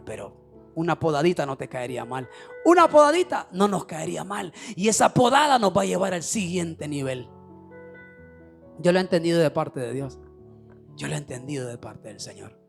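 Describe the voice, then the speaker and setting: High gravelly preaching pastor. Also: male voice. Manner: preaching with shouted, sing-song climaxes and soft asides. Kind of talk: sermon. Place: church.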